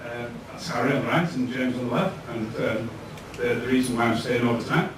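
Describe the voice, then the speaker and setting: In an echoey event room, a Lancashire-accented man in his thirties presents at a tech meetup, keeping things relaxed and chatty with plenty of "um" pauses. His voice sits in the mid-range, and the distant mic picks up a lot of noise.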